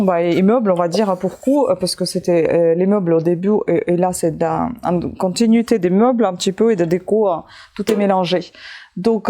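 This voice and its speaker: A woman talks casually to camera, rambling from object to object with lots of restarts and self-mocking asides. Her voice is mellow and soft-edged, at an ordinary middle pitch. She sounds tired and overheated. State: hot and tired. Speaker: vlogger showing her street-find haul.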